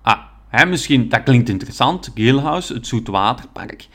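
A man's voice: mid-range voice, expressive, moderate pace, a bit bright. A man hosts a spoken tech tutorial. He talks in a casual way and thinks aloud, repeating the words the screen reader speaks as he goes. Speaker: tech podcast host.

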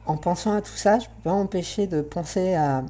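A woman's voice: fairly low pitch, moderate pace, warm tone, soft background music. A woman talking through a voice changer, giving an earnest, reflective spoken essay on roleplaying games and searching for her words.

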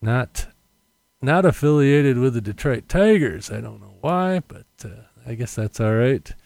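A man's voice: medium pitch, lively intonation, measured pace, creaky, a little mellow, no room sound, clean studio sound. American man with popping p's, casual podcaster. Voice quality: popping p sounds on the mic. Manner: rambling, self-correcting. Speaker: podcast host. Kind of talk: casual unscripted solo podcast chat. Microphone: condenser mic without windscreen.

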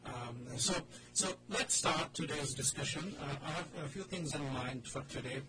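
A man with an Indian accent hosts a loose, informal talk show for a radio drama club, speaking hesitantly and discursively in a studio with a group present. His voice is on the high side at a moderate pace, and the radio recording is noisy with hum.

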